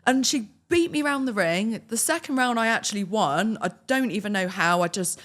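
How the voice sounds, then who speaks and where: Lively young Englishwoman telling stories. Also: mid-range voice, normal speed. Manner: lively, laughs often, acts out quoted dialogue. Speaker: podcast guest. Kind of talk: casual storytelling.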